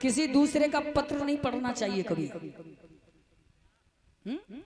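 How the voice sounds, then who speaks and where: A man's voice: very high-pitched, a little slow. A man telling a devotional folk tale, talking straight to his listeners and breaking into sung verses. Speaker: devotional storyteller and singer. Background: music accompaniment.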